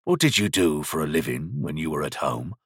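A man voicing a small, round, stern shop master who speaks quietly, gently but sternly, with calm threats and a dry whisper. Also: a bass voice, fairly quick, slightly rough, no room sound, voice pushed down, full character voice.

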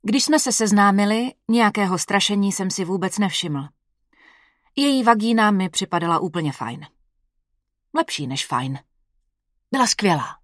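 A woman reading a first-person story aloud in a steady, measured voice. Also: mid-range voice, dry recording, studio quality. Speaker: audiobook reader.

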